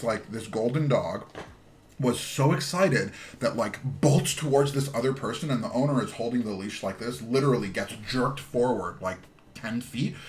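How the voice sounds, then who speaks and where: A man in his thirties, speaking in a mid-range voice over a slight hiss or hum, chats casually during a keyboard-build stream. His stories ramble, peter out, and start over.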